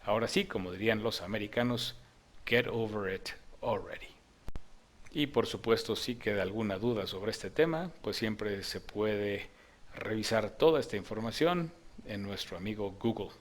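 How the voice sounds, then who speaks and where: A man's voice: lowish voice, animated, moderate pace. A man narrating a scripted opinion video in a lecturing, argumentative manner.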